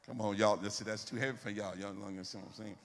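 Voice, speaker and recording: A man preaching a sermon, animated and repetitive, calling out to the congregation to respond. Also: lowish voice, very fast, vocal fry, long reverb tail, a little hiss or hum.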